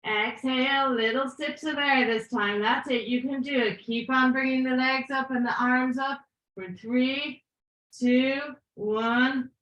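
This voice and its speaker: Yoga teacher, woman, slightly high voice, playful encouraging cues, voice wearing thin, room echo. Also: steady tone, measured pace, a bit bright. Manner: encouraging, playful cueing with breath counts. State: losing her voice. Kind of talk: live yoga class instruction. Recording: echoey room.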